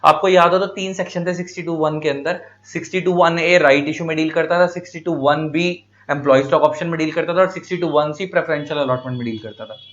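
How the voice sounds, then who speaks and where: Male lecturer, somewhat high voice, questions the class and answers himself, dull lo-fi sound. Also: fast, few pauses, fairly bright tone. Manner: repeats key points, addresses students as beta. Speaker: teacher.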